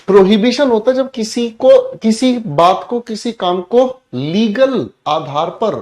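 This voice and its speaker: Guy teaching a class, kinda high voice, keeps shouting example commands at the students. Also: lively intonation, slow pace. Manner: explains with loud shouted example commands, addresses students as "beta". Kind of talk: energetic classroom lesson.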